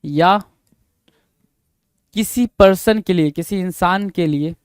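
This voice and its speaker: A man teaching English idioms for exam preparation, mixing Hindi and English. He repeats each phrase slowly and keeps putting rhetorical questions to his students. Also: sits high, smooth, no room sound, clean studio sound. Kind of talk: exam-prep lesson.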